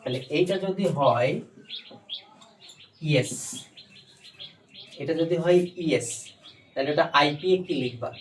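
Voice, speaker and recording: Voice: mid-range voice, unhurried, pauses often. A teacher giving a patient phonics lesson, repeatedly asking the learner questions and checking understanding. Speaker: spoken English teacher. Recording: distant mic, faint background noise.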